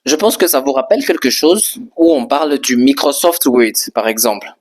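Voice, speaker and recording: A man teaching English in French at a board, repeating and spelling out each word patiently, often pausing with hesitations. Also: mid-range voice, expressive, a little mellow. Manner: slow, patient, repeats words and spells them out; frequent hesitations with "euh". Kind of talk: French-language English lesson at a whiteboard.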